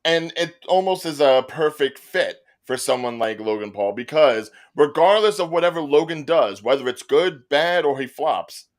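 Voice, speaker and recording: A man hosting a casual wrestling panel chat, animated and joking. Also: a little high, moderate pace, few pauses. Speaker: podcast host.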